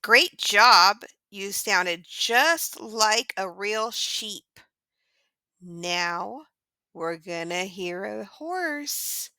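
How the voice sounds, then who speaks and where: A woman's voice: medium pitch, animated, extremely slow, sharp tone, clean tone, dry recording, heavily acted. A woman voicing a cute, cheerful male pixie pig who hosts a children's farm-sounds lesson. She gushes over the animals and keeps encouraging the kids to join in. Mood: sweet, encouraging. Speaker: children's show host.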